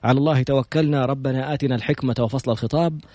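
A man hosting a podcast in a casual talk style, reciting prayers and then telling stories in a lively, chatty way. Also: medium pitch, dry recording. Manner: opens with recited prayers, then brisk storytelling; lively and chatty, jokes with the guest. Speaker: podcast host. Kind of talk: casual talk show introducing a guest.

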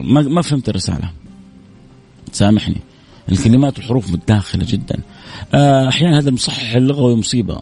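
A man hosting a call-in radio show, his voice hoarse, reading out listener messages with devout phrasing. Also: medium pitch. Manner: reads listener messages aloud, warm religious phrasing.

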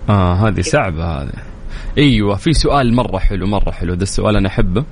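A Saudi man hosts a call-in quiz on the radio at a quick clip. He teases his callers playfully and counts down fast. A faint hiss sits under his studio voice. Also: deep voice, lively intonation. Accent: Saudi Arabic. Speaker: radio show host.

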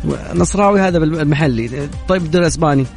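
A man's voice: a little high, very fast, creaky. A man with a Saudi accent hosting a radio call-in quiz, teasing and bantering with callers. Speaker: radio game show host. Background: music.

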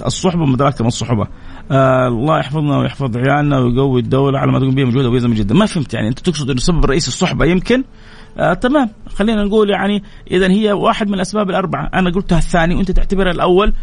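Fast-talking gravelly man. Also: mid-range voice. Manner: warm blessings and advice, quick and lively. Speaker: host reading viewer messages. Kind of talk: casual live-stream chat.

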